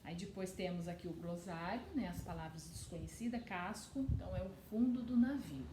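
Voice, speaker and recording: A woman teacher reading and explaining a lesson to children, often checking with a quick "ok?". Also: lowish voice, roomy sound, background noise. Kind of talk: online class lesson.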